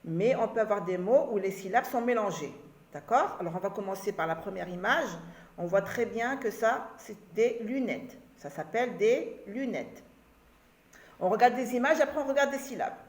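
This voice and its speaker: A woman's voice: medium pitch, animated, moderate pace, darkish tone. A woman teacher giving a reading lesson to children, sounding out words syllable by syllable and repeating them patiently. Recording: echoey room.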